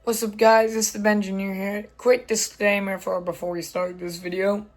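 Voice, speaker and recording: A railfan host with a hoarse, nearly lost voice, narrating a casual vlog. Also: mid-range voice, level tone, normal speed, soft background music. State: hoarse from losing voice.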